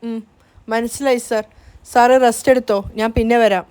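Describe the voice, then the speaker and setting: A woman's voice: on the high side, steady tone, moderate pace, darkish tone, clear, resonant tone, close to an everyday voice. A woman voicing an anxious, tender young woman who pleads and frets in a storybook recap. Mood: worried. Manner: pleading, worried.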